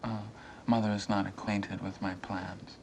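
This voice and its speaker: An actor playing a restless young adult son, brooding and hesitant. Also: male voice, deep voice, little pitch movement, unhurried, gravelly, a little hiss or hum, low-quality recording. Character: restless young man son, weary, yearning to leave. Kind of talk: stage play acting.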